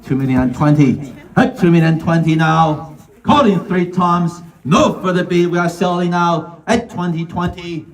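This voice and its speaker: Speaking unhurriedly in a high voice, a male real estate auctioneer works the crowd of buyers at a live property auction, calling out bids in brief, repeated phrases with showmanship. Faint music sits behind him, and the echoey sound was picked up at a distance.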